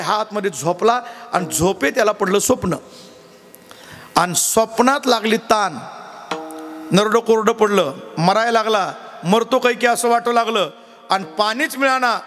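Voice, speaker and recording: High-voiced Marathi man preaching a kirtan. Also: a bit bright, in a large hall. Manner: acts out quoted voices of a husband and wife. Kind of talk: devotional sermon with storytelling.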